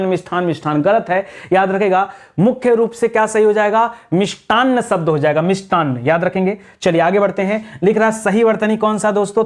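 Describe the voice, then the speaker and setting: Man drilling a spelling lesson. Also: high-pitched. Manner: drills answers with repeated questions. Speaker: teacher. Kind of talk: exam-prep grammar lesson.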